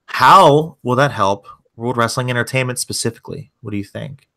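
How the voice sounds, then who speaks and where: A man co-hosting a laid-back podcast, steering the conversation from one item to the next. His voice is bright and forceful, and his asides are dry and sarcastic. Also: mid-range voice, normal speed, gravelly. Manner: wry, news-segment leading, with sarcastic asides. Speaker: co-host. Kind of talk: casual podcast chat.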